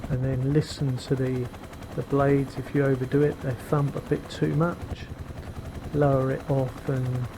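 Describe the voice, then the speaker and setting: Loud engine and rotor noise from a helicopter sim sits behind a middle-aged video maker who talks in a very deep, flat voice. He offers relaxed commentary as he flies, taking his time, explaining along the way, and using plenty of fillers into a cheap gaming headset microphone.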